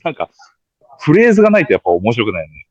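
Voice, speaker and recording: Husky-voiced man with very lively pitch. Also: rapid-fire, no room sound, dull audio. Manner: playful, bantering. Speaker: podcast co-host. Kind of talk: casual banter.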